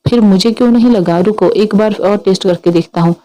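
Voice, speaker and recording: A woman's voice: medium pitch, a little fast, warm tone, natural voice, poor audio. A woman voicing a playful, teasing young man in love in a read-aloud story. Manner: teasing, mock-innocent.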